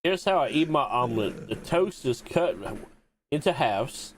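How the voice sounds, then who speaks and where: A male streamer talks casually over his game, ribbing his friends and cursing as he jokes. His voice sits a little above the usual male pitch. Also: expressive, measured pace, slight background noise. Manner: joking, teasing banter with swearing. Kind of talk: casual gaming stream chat.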